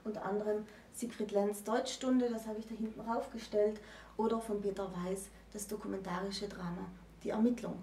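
A co-host in her thirties explains literature to camera in a dark, medium-pitched voice, with fairly even intonation and a moderate pace. The indoor room has bookshelves, and the distant mic brings a roomy echo and a faint hiss or hum.

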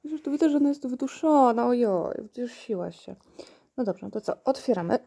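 A woman's voice: on the high side, lively intonation, a little fast, creaky, mellow, slightly rough. A woman unboxing toys at home in casual chat, recorded on a tablet, often laughing and talking to her puppy. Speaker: unboxing vlogger.

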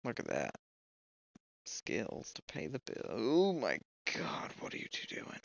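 A man's voice: on the low side, wildly swooping pitch, a little slow, vocal fry, no room sound. A man playing a horror game, talking to himself and reading notes aloud with jumpy reactions, on a close mic. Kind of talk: let's play commentary. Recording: dry, slightly muffled lo-fi mic.

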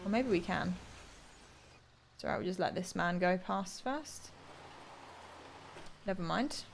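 English girl doing chatty gameplay stream, really animated pitch, bit of game noise behind her. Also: unhurried, gravelly. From England. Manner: chatty, thinking aloud to viewers. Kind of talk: casual live gameplay commentary. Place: small room at home. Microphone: close desk microphone.

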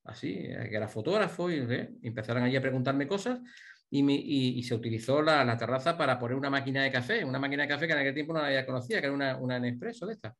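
A middle-aged man from Spain, a hotel director, sits for a relaxed interview. He tells jokey stories and keeps restarting his sentences as he goes. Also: medium pitch, racing. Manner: jokey anecdote teller, many restarts. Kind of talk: casual interview, storytelling.

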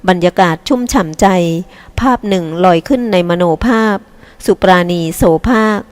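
Woman narrating a novel softly. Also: medium pitch, moderate pace. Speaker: audiobook narrator. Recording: long hall reverb.

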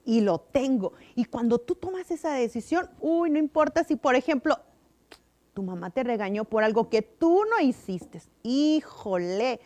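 A woman giving an animated object lesson to children, often asking them questions. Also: fairly high pitch, a little slow. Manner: animated, sing-song, asks kids questions. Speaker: children's church teacher.

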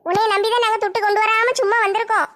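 Woman doing a high-voiced sly coaxing schemer. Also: level tone, rapid-fire, a bit bright. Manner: coaxing, soothing. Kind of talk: comedy sketch acting.

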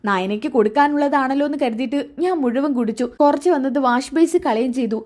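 Woman doing a bratty young woman, whiny then snappy, high voice. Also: quick pace, darkish tone, lightly acted. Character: sulky young woman, quick-tempered and rude.

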